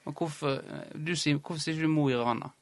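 A man hosting a casual interview in a hesitant, halting way. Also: fairly high pitch, steady tone, no room sound. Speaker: interview host.

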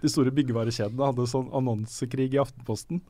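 A man co-hosting a podcast in relaxed, chatty conversation, laughing often. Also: medium pitch, dry recording. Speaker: podcast co-host. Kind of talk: casual chat.

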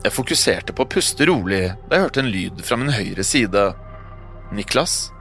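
A man's voice: fairly low pitch, animated, vocal fry. A man reading a first-person horror story aloud, telling it expressively. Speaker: narrator. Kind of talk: scripted horror narration. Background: soft music.

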